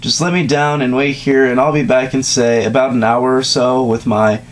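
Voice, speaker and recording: In a mid-range voice with a level tone and normal speed, a young man reads a story aloud with casual drama, fumbling words and interrupting himself for asides. He's on a couch in a small, dim indoor room; the home recording is noisy, with hum.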